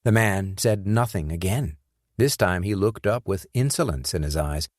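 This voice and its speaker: A man narrating an action thriller audiobook in a steady, measured storytelling voice, close on a studio mic. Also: low voice, no room sound. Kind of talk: scripted narration.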